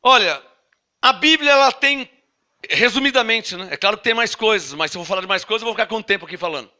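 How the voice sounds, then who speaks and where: A man preaching a sermon as pastor, leading his congregation through Bible verses, asking them to repeat after him and drawing out key words slowly between quick asides. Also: high-pitched, lively intonation, pushed and bright. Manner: teaching, asks congregation to repeat and read along; slow emphatic stress on key words, then quick asides.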